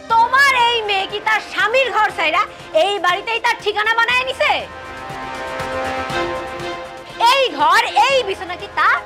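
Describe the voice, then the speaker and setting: An actress playing an indignant young second wife who scolds sharply and sarcastically. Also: female voice, very high voice. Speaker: young wife of an older man. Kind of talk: television drama acting.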